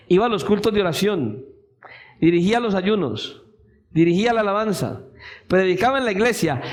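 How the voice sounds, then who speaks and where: A male preacher with a high-pitched voice delivers a sermon in a church. He speaks with fervor, and his voice climbs into shouted appeals. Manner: impassioned, rising to shouted pleas.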